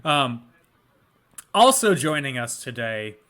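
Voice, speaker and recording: A man's voice: medium pitch, big pitch swings, takes it slowly, pushed and bright. A man hosting a podcast who chats casually with a dry, teasing humor. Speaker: podcast host. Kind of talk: casual chat.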